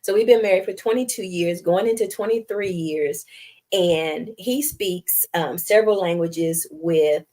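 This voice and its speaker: On a live stream, a middle-aged American woman with a Southern accent chats with viewers, giggling often, poking fun at herself, and reading their comments aloud. Her voice is light and youthful yet fairly low, a little slow, and darkish in tone.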